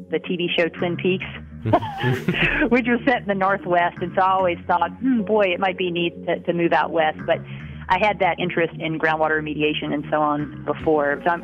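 A woman's voice: low voice, highs cut off. A woman researcher answering interview questions, often repeating words as she searches for them.

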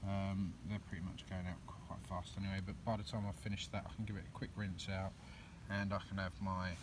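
A man's voice: deep voice, little pitch movement, fairly quick. A man, chatting casually through a woodland cooking and hiking vlog with lots of ums, filmed on a handheld phone outdoors. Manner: rambling, many ums, chatty. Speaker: outdoors vlogger. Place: woodland campsite and path outdoors. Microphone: phone camera held at arm's length. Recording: outdoor phone audio with clear background noise.

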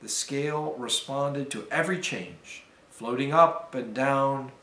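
A man, a deacon, reading a fable aloud to students in a careful, measured storytelling manner. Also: medium pitch, pushed and bright. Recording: roomy echo.

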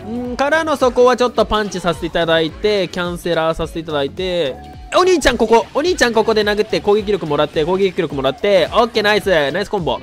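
A gaming YouTuber gives live commentary on his own gameplay, talking fast in a high, bouncy voice that swoops up and down. A cold leaves him slightly nasal and hoarse, yet he stays chatty and excitable, bursting into shouts as he plays over faint background music.

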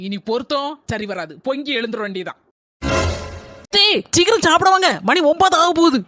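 Someone doing a fast sarcastic daughter-in-law. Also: medium pitch, natural voice. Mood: brisk, mocking. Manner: sarcastic, mocking asides. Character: sharp-tongued young daughter-in-law. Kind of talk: cartoon voice acting.

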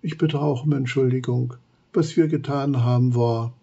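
A man reading a story, voicing a tearful young female wolf cub who speaks softly, in a husky voice. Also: mid-range voice, animated, normal speed, lo-fi sound. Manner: soft, sorrowful.

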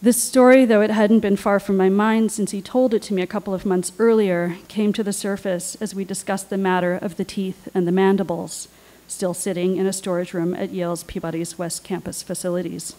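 A woman on a panel, reading her own personal essay aloud in a measured, deliberate way. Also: medium pitch, steady tone, warm tone, low-quality recording. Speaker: writer and panelist.

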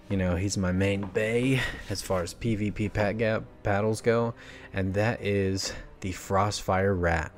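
A man hosting a casual video game guide, talking quietly as if not to wake anyone at night. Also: low voice. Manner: quiet, held-back late-night voice. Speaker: gaming guide host.

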